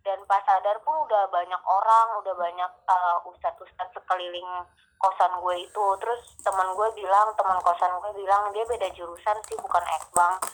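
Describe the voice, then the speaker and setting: A woman's voice: mid-range voice, steady tone, moderate pace, rough recording. A young woman casually telling a personal ghost story with many fillers and restarts. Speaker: storyteller guest. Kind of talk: casual chat.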